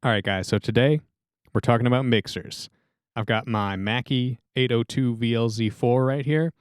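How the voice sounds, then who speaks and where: A man with a deep voice, casually demonstrating how to use a sound mixer as a music instructor, talking through a studio microphone. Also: normal speed, smooth, dry recording. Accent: American. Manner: relaxed, friendly, hands-on explaining.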